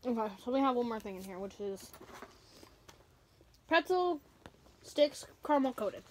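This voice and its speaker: A young woman co-hosting a casual snack taste test, soft-spoken and hesitant, with wry little remarks. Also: a little high, lively intonation, a little slow, slight background noise. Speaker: co-host.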